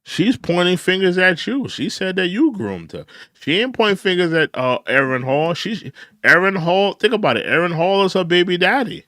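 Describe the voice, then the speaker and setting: A very animated man in his thirties hosts a reaction commentary in a high, bright, forceful voice at normal speed, captured as a dry, clean studio recording. He keeps hammering the same points in disbelief while addressing his target head-on.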